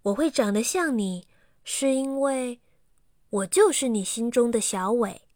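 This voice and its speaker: A woman voicing a magic talking frog that echoes words and later speaks as a gentle boy in a storybook. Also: fairly high pitch, unhurried, studio quality, lightly acted. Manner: parroting then gently explaining.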